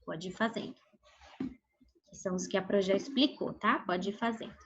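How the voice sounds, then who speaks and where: A woman teaching a primary school class online with a Brazilian Portuguese accent. She speaks patiently, checks in with the class often, and stretches out syllables slowly when modeling words. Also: medium pitch, husky. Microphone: video call. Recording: dull lo-fi video call audio.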